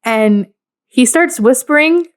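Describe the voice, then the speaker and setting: A woman's voice: sits high, animated, slow pace. A young woman co-hosting a casual podcast, walking through what happened in an easy, chatty way. She laughs often as she retells the moments. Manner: recapping events, laughs often. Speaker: podcast co-host. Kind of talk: casual chat.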